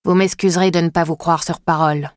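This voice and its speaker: A woman's voice: fairly low pitch, fairly even intonation, quick pace, dry recording, clean studio sound, close to an everyday voice. Brief: woman as arrogant male riding master, commanding, clipped. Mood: haughty. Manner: curt, commanding.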